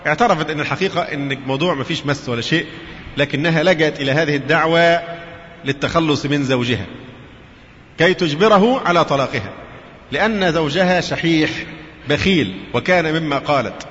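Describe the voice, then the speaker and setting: Brisk and bright, this man's voice sits on the higher side as he preaches a religious lecture. He blends formal Arabic with everyday dialect and keeps asking his listeners questions. The audio has a muffled hall reverb and a faint hiss.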